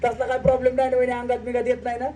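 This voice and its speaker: A man with a rural Marathi accent runs a village game show outdoors, calling out moves and teasing the women players. His voice is very high and mellow. He is picked up from a distance, with faint noise behind him. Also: monotone, rapid-fire. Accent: Marathi, rural Maharashtra. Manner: teasing, loud calls, counting out games. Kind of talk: joking game commentary at a live village event. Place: outdoor village stage event.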